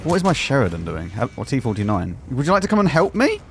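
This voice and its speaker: A man's voice: mid-range voice, huge pitch swings, quick pace, vocal fry, slight background noise. An English man live streaming a game, chatting casually in an opinionated, exclamatory, colloquial way. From England. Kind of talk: casual live stream commentary while gaming.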